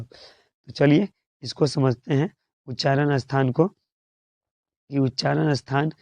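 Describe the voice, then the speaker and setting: A man's voice: medium pitch, a little mellow, no room sound. A male teacher giving an exam-prep grammar lesson, drilling students by asking questions and answering them himself. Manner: repetitive call-and-response drilling, asks questions and answers them. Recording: dull dry lo-fi recording.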